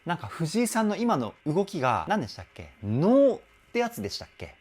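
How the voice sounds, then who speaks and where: A man working as a vocal coach, explaining a singer's technique in an animated, enthusiastic way. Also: fairly high pitch, brisk. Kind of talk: song reaction and vocal analysis. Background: faint music from the song being analyzed.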